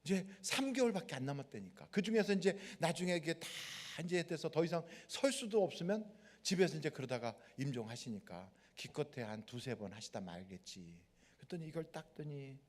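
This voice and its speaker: A male pastor preaching a sermon and telling stories vividly, acting out the people in them, in a large worship hall. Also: medium pitch. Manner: animated storytelling, acting out the people in his story. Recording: long hall reverb.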